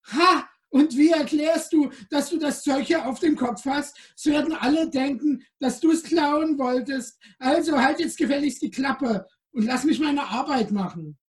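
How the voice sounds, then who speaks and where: A man voicing a tiny, cheeky female Christmas fairy who squeaks and bosses people around. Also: measured pace, few pauses, far from the mic. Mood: triumphant. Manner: bossy, mocking, squeaky.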